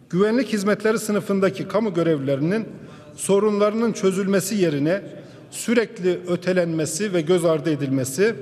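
A man's voice: high voice, a little mellow. A man addressing a parliament from a podium microphone, giving a formal speech and pressing his audience with pointed rhetorical questions. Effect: speaking at a podium microphone. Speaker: member of parliament. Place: large parliament chamber. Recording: long reverb of a large hall.

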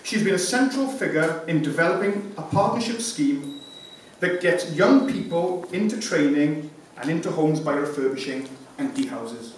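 Speaking as a sponsor, this thirty-something man delivers a scripted award presentation from his notes, formal throughout. His voice runs on the high side with lively intonation, at a normal speed with few pauses. The indoor conference room audio comes from a far-off camera picking up the lectern mic, leaving echo and background hiss.

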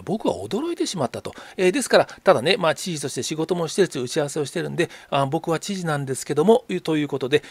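A man's voice: on the high side, no echo. A middle-aged man from Kobe explaining political news on a video channel, emphatic and full of rhetorical questions. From Kobe, Japan. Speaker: political commentator. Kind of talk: YouTube news commentary.

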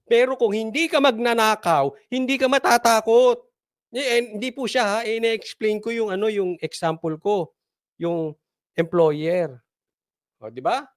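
Man, high voice, political commentary, mocking tone, laughs often, repeats himself for emphasis.

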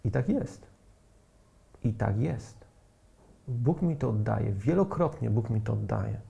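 A middle-aged man from Poland delivers a sermon with a gravelly edge and a dark, mellow tone. He drives his points home emphatically and keeps throwing rhetorical questions at his listeners. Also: fairly low pitch, expressive, slow pace. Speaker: preacher.

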